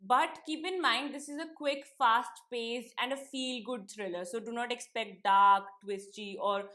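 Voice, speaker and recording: A woman's voice: on the high side, fairly even intonation, a little slow, bright, forceful tone. Punjabi-accented woman reviewing books. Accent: Punjabi Indian. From Punjab, India. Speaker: book reviewer, host of a book channel. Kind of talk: casual video book review to camera.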